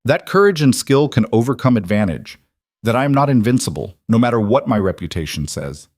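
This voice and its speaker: A man voicing a huge scarred male fighter who talks slowly and gravely, with a heavy accent and broken grammar. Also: mid-range voice, very animated, darkish tone, dry recording, clean studio sound. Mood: solemn.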